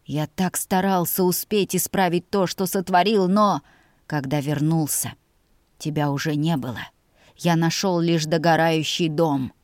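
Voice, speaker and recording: A woman's voice: sits low, a little slow, darkish tone, dry recording, studio quality. A woman voicing a remorseful older man who pleads through tears, his voice shaking. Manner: trembling voice.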